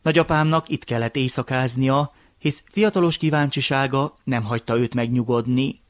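A man narrating a folk tale in a measured, unhurried way. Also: mid-range voice, no echo. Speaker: storyteller.

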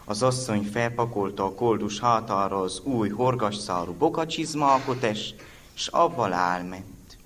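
A man reading a folk tale aloud, very expressive, with his voice rising sharply for quoted characters. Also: fairly low pitch, slight background noise. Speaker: storyteller.

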